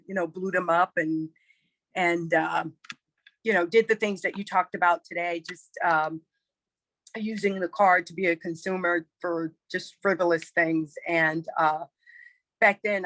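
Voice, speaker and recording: A woman's voice: fairly low pitch, steady tone, moderate pace, a bit bright, dry recording. A woman sharing personal experience casually in a group call, in a conversational way. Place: online group meeting call.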